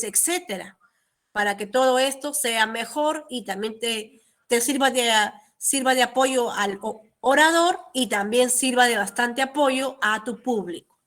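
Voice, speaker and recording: A woman with a high voice gives a class lecture. She explains each point patiently and keeps checking in with her students through tag questions. She sounds like a young adult. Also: takes it slowly, sharp tone. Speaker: teacher.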